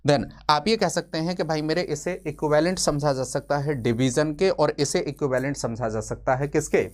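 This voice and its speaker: A man's voice: on the high side, normal speed. A man in his twenties teaching a maths lesson for exams, chatty and joking, asking questions and then answering them himself. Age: 20s. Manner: chatty and joking, calls viewers friend. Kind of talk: exam-prep lesson.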